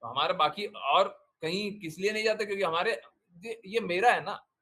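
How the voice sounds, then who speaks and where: With a high, bright, forceful voice at a moderate pace, a male spiritual teacher gives a devotional talk and answers questions. He speaks emphatically, repeating himself and asking rhetorical questions.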